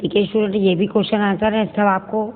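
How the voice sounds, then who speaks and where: A woman school teacher giving a recorded grammar lesson to young pupils. She speaks slowly and carefully and repeats each word to set the wrong form against the right one. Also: mid-range voice, level tone. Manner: addresses pupils fondly as children. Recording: tinny phone-like audio with long reverb and faint noise.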